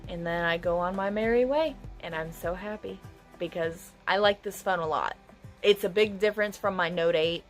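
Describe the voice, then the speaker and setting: A woman's voice: fairly low pitch, normal speed, soft background music. A young adult woman vlogging, casually retelling a story with lots of "you know" and acted-out dialogue. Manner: animated retelling full of quoted dialogue and fillers like "you know".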